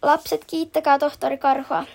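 Woman reading as cheery animal teacher in a kids' picture book, encouraging, high and a bit gravelly. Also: little pitch movement. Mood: cheerful. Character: kindly female animal nursery teacher.

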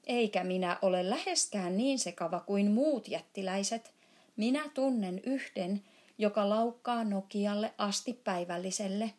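A big friendly giant voiced by a woman rumbles and booms through a storybook reading, tripping over his own words. He is muddled and good-natured, prone to sudden shouts. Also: natural voice. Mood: booming muddled. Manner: jumbled grammar, booming shouts.

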